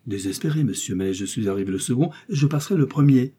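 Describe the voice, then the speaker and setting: A man's voice: medium pitch, expressive, warm tone, slightly rough. A man reading an audiobook and voicing a bold, hot-headed young male swordsman who talks brashly and defiantly. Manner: brash, defiant and quick-tempered. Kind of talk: audiobook character voice.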